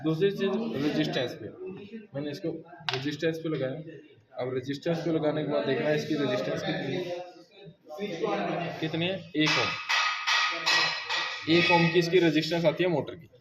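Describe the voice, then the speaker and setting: A man's voice: a little high, normal speed, pauses often. A man demonstrating car repair step by step in a workshop class, often checking in with his students. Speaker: auto mechanic instructor. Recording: echoey room with crowd noise.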